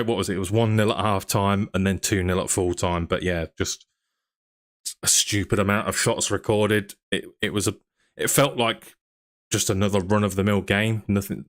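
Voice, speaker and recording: A young man with a somewhat low voice hosts a relaxed football chat. He talks in an easygoing, chatty way, asking his co-host questions and reading out comments from viewers. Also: moderate pace. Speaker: podcast host.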